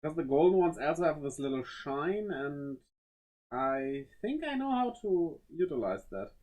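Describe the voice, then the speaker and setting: An unhurried voice talking through a drawing session and mulling over each small choice aloud. The pitch swings up and down freely, and the speech stays relaxed and conversational throughout. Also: muffled recording. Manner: muttering to self, weighing small choices aloud; greets viewers playfully. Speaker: streamer drawing decals. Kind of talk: casual think-aloud commentary while drawing.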